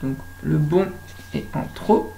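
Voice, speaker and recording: A French woman runs a lesson for small children, drawing each word out slowly and deliberately. Her voice is lowish with a gravelly edge. A faint hum sits behind her. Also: dark tone, poor audio. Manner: slow, deliberate, stretches out words for children. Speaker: kindergarten teacher.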